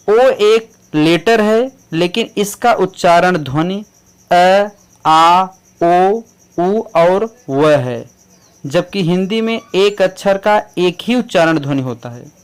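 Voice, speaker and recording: Male teacher, slow spelled-out words, unhurried pace, crickets behind. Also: high voice. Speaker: English teacher. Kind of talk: explaining English pronunciation in Hindi.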